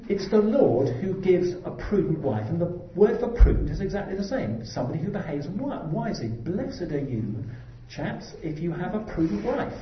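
Earnest preacher in a roomy hall. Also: male voice, high-pitched, very animated, normal speed, hardly any pauses, slight background noise. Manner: earnest, exhorting, rising to emphatic peaks. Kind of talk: sermon. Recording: dull roomy hall recording.

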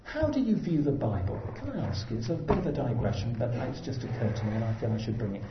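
A man's voice: medium pitch, very animated, fast, heavy background noise. A man preaching a sermon in an earnest, exhorting way, rising to emphatic peaks. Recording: dull roomy hall recording.

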